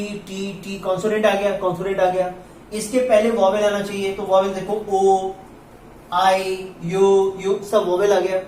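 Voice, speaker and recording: A man teaching an English grammar lesson, explaining slowly and spelling out words letter by letter. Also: high voice, a little mellow, far from the mic, a little hiss or hum. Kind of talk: classroom lesson. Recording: echoey room recorded from afar.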